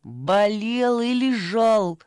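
A woman's voice: medium pitch, lively intonation, moderate pace, dry recording, pitched above the performer's own voice, natural voice. A woman voicing a flustered, complaining elderly grandmother in an audiobook, stammering and fretful, with a dry close sound. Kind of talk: audiobook character voice.

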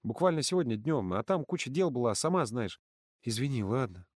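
A man voicing a soft-spoken, apologetic young male camp counselor in an audiobook, quiet and conciliatory. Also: mid-range voice, big pitch swings, brisk, no echo, clean studio sound.

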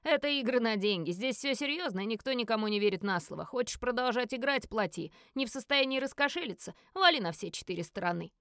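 A woman reading as a blond card gambler who mocks a young player. He drawls slowly and sneers at him in a storybook scene. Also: fairly high pitch, animated, a bit bright, clear, resonant tone, no echo, studio quality. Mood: sneering.

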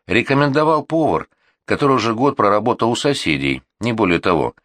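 A man narrating a historical novel as an audiobook with expressive, varied intonation. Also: on the low side, a little fast, no room sound. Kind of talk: scripted narration.

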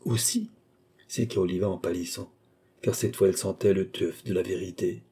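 A man narrating a classic novel as an audiobook in a steady, measured reading. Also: deep voice, slightly rough.

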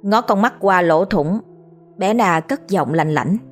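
A woman telling a scripted horror story in a steady, measured way. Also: mid-range voice, faint music behind.

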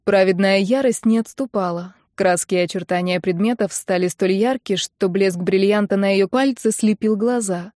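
A woman narrates a first-person audiobook with an intense, emotional delivery. Her voice sits at a middle pitch and is recorded close and dry, with no room sound. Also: normal speed, few pauses, darkish tone, no room sound.

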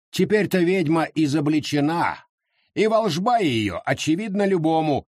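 A man voicing a zealous male witch-hunter who preaches slowly and with certainty. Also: fairly high pitch, no room sound, clean studio sound, pitched above the performer's own voice.

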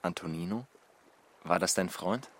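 A patient, probing colleague. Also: male voice, sits low, measured pace, slight background noise. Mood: concerned, probing. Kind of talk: radio play acting.

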